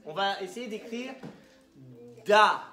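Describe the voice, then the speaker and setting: A woman teaches a class of young children, patiently asking questions and drawing out their answers. Her voice sits a little high. The sound is echoey and distant, as if recorded from across a classroom. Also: animated, moderate pace, fairly bright tone, soft background music.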